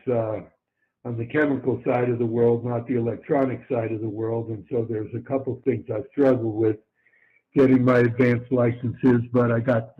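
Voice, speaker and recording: A man running an amateur radio net as its controller, speaking politely and haltingly over two-way radio. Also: medium pitch. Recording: narrow-band amateur radio transmission.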